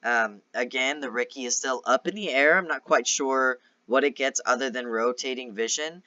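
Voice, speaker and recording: Esports caster, male. Sharp, bright tone, explanatory play-by-play, slightly muffled lo-fi sound. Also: mid-range voice, normal speed. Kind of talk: live esports match commentary.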